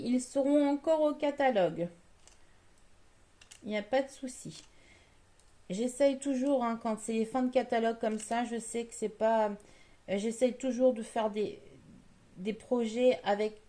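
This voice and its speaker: A woman's voice: a little high, dark tone. A woman chatting through a live card-making demo, explaining each step as she works and answering viewers.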